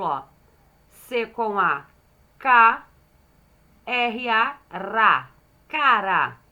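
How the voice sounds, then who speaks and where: Speaking with a high, bright, forceful voice, a Brazilian Portuguese-accented woman works through phonics with young children as their primary school teacher. She is slow and patient, breaks words into syllables, and keeps asking "certo?" to check they follow.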